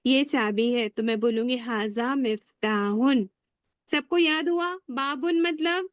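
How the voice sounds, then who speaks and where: Woman, high voice, Arabic teacher, online class, slow repetition drills, dry, dull lo-fi audio. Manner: repeats words slowly, asks class to echo. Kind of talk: online beginner class lesson.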